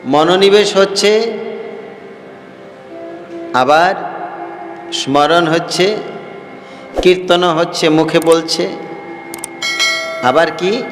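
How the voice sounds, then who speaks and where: A monk preaches slowly in a high voice, pausing to repeat phrases and ask his listeners questions. His voice rings out through a long hall reverb, with faint music underneath. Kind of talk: devotional sermon.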